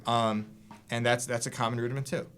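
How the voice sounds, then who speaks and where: A man's voice: mid-range voice, flat delivery, a little fast, loud music behind the voice. A man giving a casual drum lesson, explaining loosely with fillers and restarts. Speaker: drum teacher. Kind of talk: casual instructional talk. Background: drum hits between lines.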